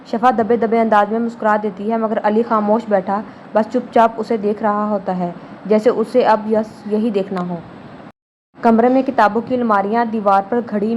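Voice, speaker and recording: A woman reads a novel aloud in a calm, even storytelling voice. Her tone is dark and mellow, with a faint hum of background noise. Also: mid-range voice. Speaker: novel reader. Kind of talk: audiobook narration of a novel.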